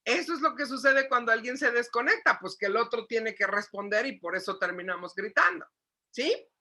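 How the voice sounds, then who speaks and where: A woman psychologist giving a lively lecture to parents, asking the audience questions and acting out shouting. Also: fairly high pitch, normal speed. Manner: animated, asks the audience questions, acts out shouting.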